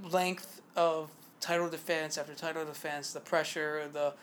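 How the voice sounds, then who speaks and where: Male podcast co-host, fairly high voice, rambling casual fight talk full of fillers. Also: fairly bright tone, slight background noise. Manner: rambling, hesitant with many fillers. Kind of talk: casual sports chat.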